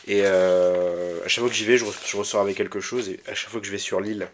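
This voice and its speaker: Casual male vlogger, slightly low voice, halting but enthusiastic delivery, light hiss behind. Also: fairly even intonation. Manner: hesitant, many fillers and restarts, enthusiastic. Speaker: vinyl collector presenting his records. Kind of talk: casual vlog talk.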